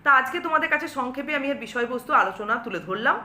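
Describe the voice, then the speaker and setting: Bright-voiced woman teacher explaining a lesson. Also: high-pitched, expressive, quick pace, reverberant. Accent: West Bengal Bengali. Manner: explains step by step, asks and answers her own questions.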